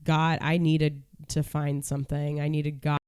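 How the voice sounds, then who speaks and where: A woman's voice: deep voice, little pitch movement, a little slow, darkish tone, smooth. A woman in her thirties, a podcast co-host in casual chat, talking loosely with many fillers and trailing thoughts. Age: 30s.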